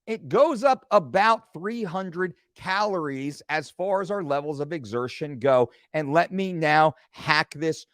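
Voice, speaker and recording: Leading a fitness class over screen share, a man in his forties sounds animated and cracks jokes along the way. He speaks at a measured pace with hardly any pauses, his fairly high voice ranging widely in pitch. The audio is dry and close-miked, with no room ambience.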